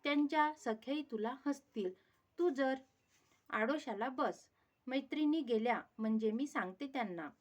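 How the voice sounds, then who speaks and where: A nervous young maidservant in a storybook tale, as a female narrator puts her on, earnest and worried in her speech. The voice is fairly high and plainly read. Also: normal speed, lo-fi sound.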